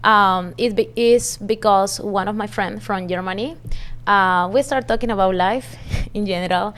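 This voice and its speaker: A woman's voice: mid-range voice, normal speed, a bit bright. Young woman. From Peru. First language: Spanish. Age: young adult. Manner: upbeat, hesitant with um fillers. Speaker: podcast guest. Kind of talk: friendly interview answers. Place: media studio.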